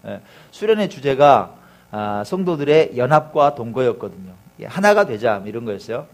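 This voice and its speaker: A man's voice: mid-range voice, normal speed. A man preaching a sermon as pastor, telling a story with acted-out voices and sound effects and calling out to the congregation for replies. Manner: animated storytelling, acts out crowd cheers and crashes.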